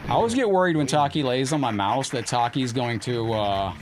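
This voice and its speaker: A man's voice: mid-range voice, lively intonation, a little fast. A man hosting a live gaming stream, chatting casually with viewers as he plays at his desk at home. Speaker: game streamer.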